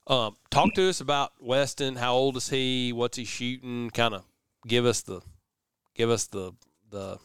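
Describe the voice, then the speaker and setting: A man's voice: medium pitch, a little slow, a bit bright, clear, resonant tone, no echo. A man hosting a podcast in a casual, conversational style, talking in a folksy, rambling way. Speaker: podcast host. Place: warehouse.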